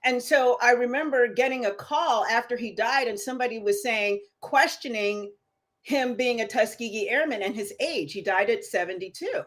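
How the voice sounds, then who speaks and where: A middle-aged woman, a guest on an interview show, telling stories with a lively voice that rises as she gets excited. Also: fairly high pitch, moderate pace. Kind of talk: storytelling interview.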